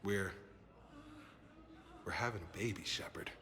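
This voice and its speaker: A loyal former soldier in a video game, with a low voice. He talks informally and sincerely, upbeat and at ease with a friend. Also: a little slow, sharp tone.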